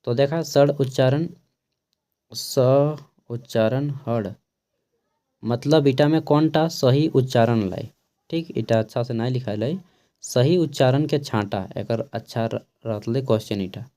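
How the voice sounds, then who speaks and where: A man with a Khortha-inflected Hindi accent teaching an exam-prep lesson, explaining slowly and often checking with a quick "okay". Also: medium pitch, mellow.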